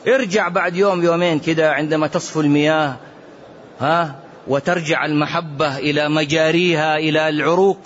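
Earnest scholar, dull lo-fi recording. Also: male voice, on the high side, fairly even intonation, fairly quick, fairly bright tone. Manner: earnest preaching, mixes classical and dialect, quotes others. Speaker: Islamic scholar answering questions. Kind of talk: religious Q&A lesson with colloquial asides. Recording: dull lo-fi recording with faint hiss.

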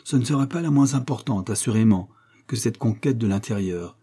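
A man's voice: medium pitch, brisk, warm tone, breathy edge, lightly acted. A man voicing a kindly, idealistic elderly scientist, declaiming with emphasis in a storybook reading. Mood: fervent.

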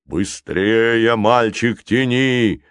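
A man's voice: fairly low pitch, steady tone, slow, no room sound, studio quality. A man reading an audiobook voices a huge, kindly giant who barks urgent commands.

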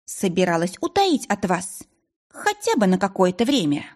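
A woman's voice: medium pitch, big pitch swings, normal speed, darkish tone. A woman reading an audiobook, voicing a stern, blunt older housemaid who grumbles. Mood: grumbling.

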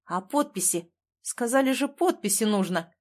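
A woman's voice: fairly high pitch, animated, normal speed. A woman reading the lines of a stubborn, bitter man who speaks curtly. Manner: curt, bitter.

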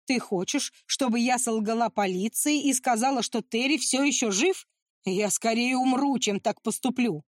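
A woman's voice: on the high side, moderate pace, dry recording, clean studio sound, close to an everyday voice. Woman doing a fierce blunt young woman. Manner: curt, forceful.

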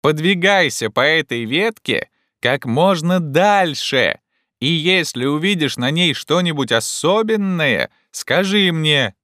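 A man voicing an excitable, feverish gentleman who shouts with loud urgency. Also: a little high, takes it slowly, no echo, clean studio sound, voice pushed up, heavily acted. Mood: agitated shouting.

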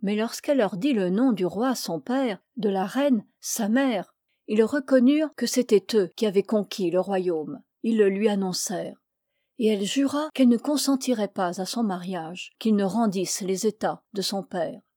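A woman reading an old fairy tale aloud in a clear, measured storytelling manner. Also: medium pitch, warm tone, no room sound, clean studio sound. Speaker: reader of fairy tales.

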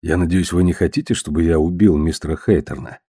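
A man reading the part of a calm, ironic man who speaks softly and slowly in an audiobook. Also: sits low, vocal fry, slightly rough, no room sound, clean studio sound, full character voice. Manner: soft and slow-spoken. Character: calm ironic man, gentle, quietly menacing.

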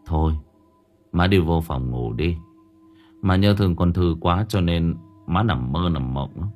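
A man voicing a tired adult son gently coaxing his grieving mother to go to bed. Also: sits low, animated, slow pace, soft background music. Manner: soft, coaxing.

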